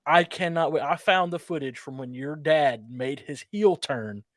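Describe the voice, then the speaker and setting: A man's voice: on the high side, a little slow, no echo, studio quality. A man talking casually and enthusiastically as a show producer promoting his project, repeating phrases for emphasis.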